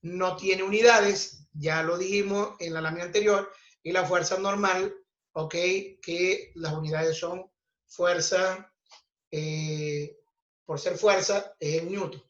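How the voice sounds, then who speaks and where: A man's voice: high voice, fairly even intonation, a bit bright. A man teaching a physics lesson, explaining step by step and checking in with "ok?" after nearly every point. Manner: slow, deliberate explaining, checks in with "ok?" constantly. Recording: roomy, dull lo-fi recording.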